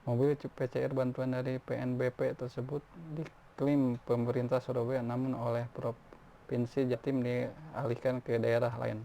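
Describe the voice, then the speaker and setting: A man's voice: mid-range voice, flat delivery, measured pace, creaky, dark tone. A man reading news articles aloud, often stumbling and restarting words. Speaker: news reader. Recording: faint background noise.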